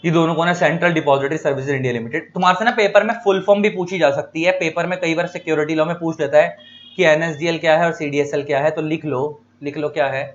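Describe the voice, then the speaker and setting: A man gives a rapid exam-prep lecture in a slightly high voice. He poses questions to his students and answers them himself, repeating the key terms. The audio is dull and lo-fi. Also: steady tone. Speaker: teacher.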